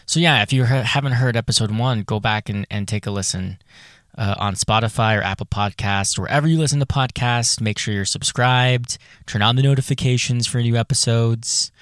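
A man's voice: medium pitch, brisk, a bit bright, dry recording, clean studio sound. A man hosting a solo podcast in a casual, candid, chatty way, recorded in a small closet full of clothes. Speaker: podcast host.

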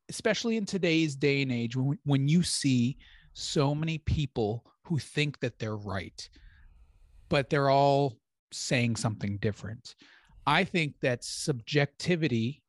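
A man hosting a casual podcast discussion, relaxed and joking, giving long explanations. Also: medium pitch, no echo, clean studio sound. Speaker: podcast host.

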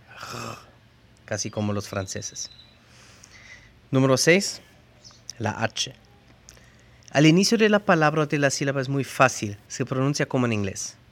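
Pitched at a medium level and slightly bright, this man's voice guides learners through pronunciation. He teaches carefully, slowing down to demonstrate each sound and its spelling.

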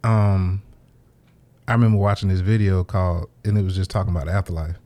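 A man's voice: deep voice, steady tone, fast, warm tone. A man hosts a casual podcast chat. He rambles loosely, restarts his sentences and laughs often. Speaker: podcast host. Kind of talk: casual conversation.

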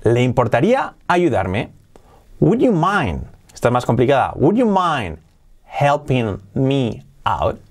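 A man teaching English phrases in a video lesson for Spanish speakers, repeating each one slowly to model the pronunciation. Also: mid-range voice, wildly swooping pitch.

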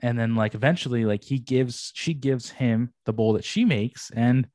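An animated young man co-hosts a casual podcast, tossing out slang and the odd curse as he talks. His voice sits at an ordinary male pitch and is recorded dry, with no room sound around it. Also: normal speed, no echo. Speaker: podcast co-host. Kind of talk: casual chat reviewing anime.

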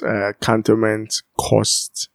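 Teasing young man, low voice. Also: completely flat delivery, slow pace, gravelly, no room sound, studio quality. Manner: joking, teasing, giggly. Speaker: podcast co-host. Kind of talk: casual chat.

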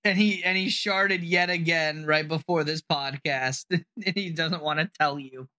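A man's voice: on the high side, fairly even intonation, a little slow, sharp tone. A young man co-hosting a podcast in casual chat, crude and profane, often breaking into laughter. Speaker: podcast co-host.

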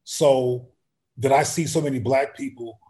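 A man in a relaxed interview, speaking in a middle-pitched voice. He talks reflectively, often restarting sentences, and lifts his voice when he acts out questions he puts to others. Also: measured pace. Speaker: activist guest. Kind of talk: conversational interview.

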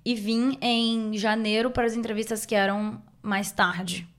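A woman's voice: mid-range voice, fairly even intonation, a little slow. A young adult woman, telling her story informally in an interview and sprinkling in English medical terms. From Bahia, Brazil. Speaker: podcast guest, doctor.

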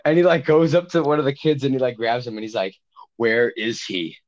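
A man's voice: mid-range voice, fast, darkish tone. A young man casually telling a long camp story, rambling with lots of "like" and acting out the quotes. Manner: rambling, heavy use of "like", acts out quotes. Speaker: podcast co-host. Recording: dull lo-fi sound.

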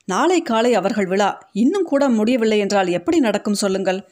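A woman's voice: medium pitch, animated, moderate pace, a little mellow, lightly acted. A woman voicing an anxious middle-aged male print shop owner, speaking in a fretful, pleading way in a storybook reading.

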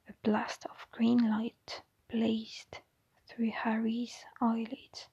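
A woman reading a story aloud in a soft, unvoiced whisper, slow and hushed, with the odd small restart. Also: fairly high pitch, slightly rough. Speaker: reader. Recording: dull lo-fi recording.

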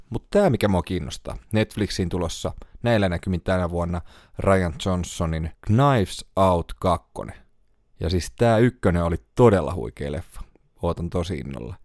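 A man's voice: sits low, darkish tone, no room sound, studio quality. A man hosting a solo podcast, chatting casually and thinking aloud as he goes through a list. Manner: thinks aloud, browsing lists, many fillers. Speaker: podcast host.

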